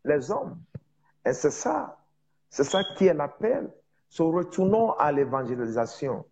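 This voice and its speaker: A man preaching in French with a foreign accent, a non-native speaker teaching informally on evangelism, with emphatic repetition and halting searches for words. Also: fairly high pitch, big pitch swings, creaky, a little mellow, husky. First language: not French, speaks it as a second language. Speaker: preacher, prophet.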